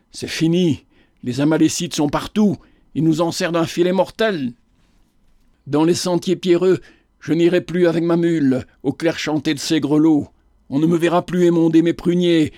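A man's voice: a little high, warm tone, no room sound, clean studio sound, close to an everyday voice. A man voicing a wrathful, grieving old peasant prophet who preaches in impassioned tirades.

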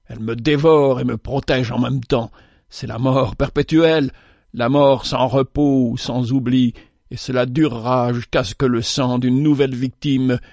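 A man's voice: medium pitch, darkish tone, dry recording, studio quality, natural voice. Man doing a tormented cursed old vagabond. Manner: anguished, declamatory outbursts. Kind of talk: storybook reading.

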